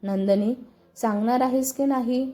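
A woman's voice: a little high, fairly even intonation, a little slow, warm tone, lightly acted. A woman voicing an insistent young husband. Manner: firm, pressing questions.

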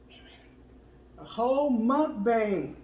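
Excited lady vlogging, slow talker, kinda high voice, echoey room. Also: dull audio. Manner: excited, slow and drawn out, tasting food. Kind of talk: casual chat. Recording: echoey room with faint ambience.

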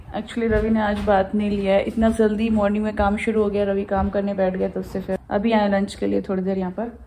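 A woman's voice: mid-range voice, monotone, brisk, warm tone, a little hiss or hum. A young woman chatting casually through a home vlog, slipping English into her talk. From India. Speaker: vlogger.

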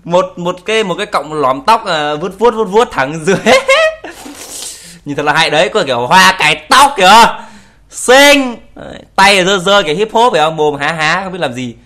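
A man's voice: high-pitched, lively intonation, fairly quick, bright, forceful tone, a little hiss or hum. A young man casually commenting on video clips, teasing and joking, laughing often and swearing in English. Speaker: YouTuber reacting to videos.

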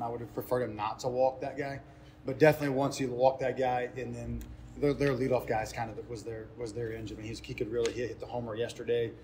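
The voice is a man's, mid-range and a little mellow: a head baseball coach in his thirties giving an unscripted press interview. He explains things earnestly and often repeats phrases for emphasis, with ambient noise in the background.

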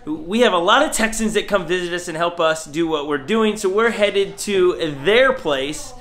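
A vlog host chats casually to camera in a playful, joking manner, with a medium-pitched voice at normal speed. Loud music plays in the background.

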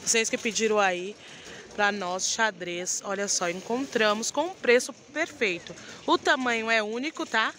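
A vlog host with a Brazilian Portuguese accent enthusiastically pitches clothes from a crowded night street market. Her medium-pitched voice is bright and forceful at a normal speed. Traffic and street sounds make the recording noisy.

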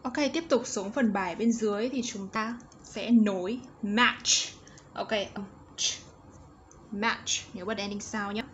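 A woman teaching young children, walking through exercises and modeling English words slowly for them to repeat. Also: medium pitch. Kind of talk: step-by-step exercise walkthrough. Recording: slightly dull audio with faint background noise.

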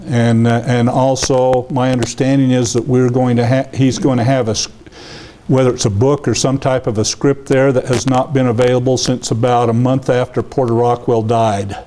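An older man with a mid-range voice speaks flatly at a moderate pace. As a guest speaker giving an informal public lecture to a seated library audience, he rambles loosely with fillers and restarts, wearing a lapel mic while walking around the room, and says he has a loud voice.

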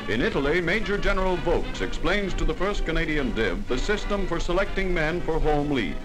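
A man narrates an old wartime newsreel in a jaunty, punchy manner, tossing in wisecracks. His pitch sits a little high and swings widely. Music plays clearly behind him. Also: sing-song, brisk, rough recording. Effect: old newsreel voice-over.

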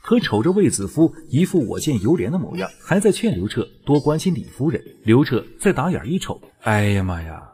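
A man's voice: mid-range voice, big pitch swings, fairly quick, hardly any pauses, dark tone. A man narrating a drama recap as joking, colloquial, scripted storytelling commentary. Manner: wry, colloquial, playful.

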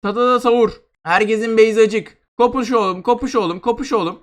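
A young man giving excitable gameplay commentary as a gaming YouTuber, shouting and groaning at the game. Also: high-pitched, fairly quick.

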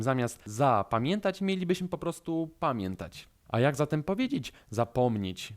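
A man with a Polish accent teaching a language lesson, calm and methodical, slowing down to stress key words. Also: mid-range voice.

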